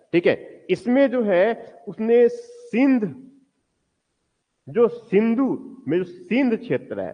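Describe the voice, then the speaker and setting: A male teacher giving a history lecture in a classroom, asking the class questions and answering them himself, often repeating key words slowly for stress. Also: a little high, long reverb tail, dull audio.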